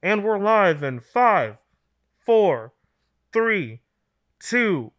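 A man putting on the ethereal, disembodied voice of a game show announcer, booming and drawn out. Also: very animated, extremely slow, a crowd in the background, exaggerated voice. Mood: grand.

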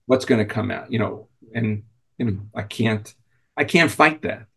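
Low, creaky-voiced male executive in interview. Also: a bit bright. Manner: halting, repeats words, conversational. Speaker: company executive, interview guest. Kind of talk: unscripted business interview answers.

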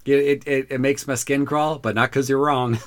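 A man hosting a casual podcast and running a quick quiz, often repeating his first words as he gets going. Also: medium pitch, fairly even intonation. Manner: stammers, repeating words as he starts sentences.

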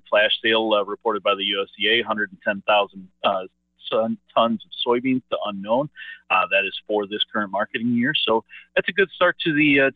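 A man calls in over a thin, phone-quality line to give his market analysis. His voice sits fairly low and the sound is dry and boxed in. He talks haltingly, padding his points with filler sounds and restarting his phrases. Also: no room sound. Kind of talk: radio market commentary.

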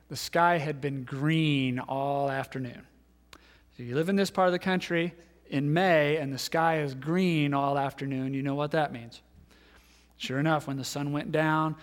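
A man in his thirties, a pastor giving a sermon, telling a story and acting out the voices in it, then dropping to hushed tones. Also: a little high, steady tone, unhurried. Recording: long hall reverb.

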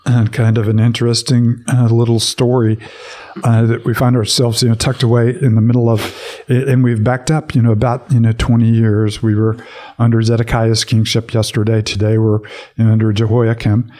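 A man's voice: mid-range voice, flat delivery, moderate pace, dark tone. A man hosting a devotional podcast, reading scripture aloud and then reflecting on it in an easygoing way with many fillers. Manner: reflective, with many fillers when speaking freely. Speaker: podcast host and Bible reader.

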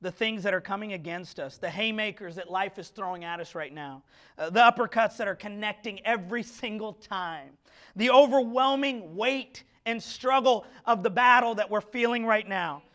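A male pastor preaching an impassioned sermon to his congregation, full of rhetorical questions and quick stammered restarts. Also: high-pitched, sharp tone. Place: church sanctuary.

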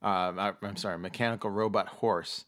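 A man with a lowish voice hosts a casual podcast. He talks haltingly, often stopping and backtracking as he explains. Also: fairly even intonation, fairly bright tone. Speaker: podcast host.

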